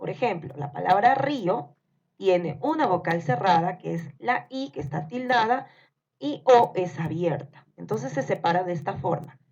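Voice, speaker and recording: A woman teaching a grammar lesson, speaking slowly and deliberately and spelling out syllables one by one. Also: medium pitch, lively intonation, gravelly, darkish tone. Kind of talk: scripted grammar lesson narration. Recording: dull lo-fi recording.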